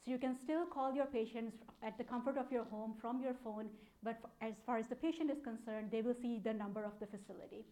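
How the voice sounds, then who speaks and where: This data analytics program manager, a Pakistani-accented woman in her thirties, presents informally at a conference in an explanatory, chatty style. Her voice sits a little high with a dark tone, and she speaks briskly with fairly even intonation.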